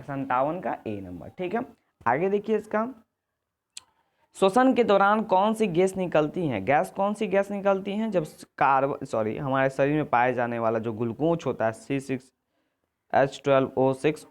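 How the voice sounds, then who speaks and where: Exam-prep tutor, repetitive, self-correcting, mid pitch. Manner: checks in with "ठीक है" and "आगे देखिए". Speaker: teacher. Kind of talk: exam answer walkthrough lesson.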